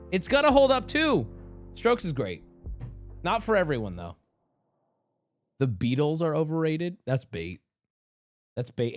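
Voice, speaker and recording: A man livestreaming, reacting to clips in casual chat and often bursting into excited shouting. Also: mid-range voice, no echo.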